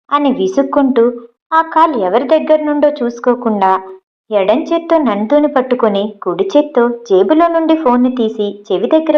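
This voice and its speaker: A woman narrating a romance novel aloud, in a steady, expressive reading. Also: fairly high pitch, muffled recording. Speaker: audiobook narrator. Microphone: home recording.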